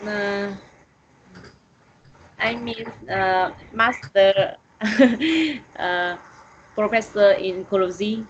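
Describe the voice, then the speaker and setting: Hesitant woman English learner, slow careful speech, muffled lo-fi sound. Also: mid-range voice, slight background noise. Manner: hesitant, halting, repeats words after the teacher.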